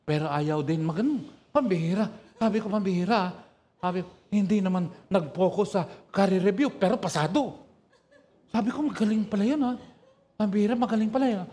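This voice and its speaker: A man's voice: sits high, brisk. A male pastor from the northern Philippines preaching a sermon, telling stories and calling for amens from the congregation. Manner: animated storytelling, calls for amen from the congregation.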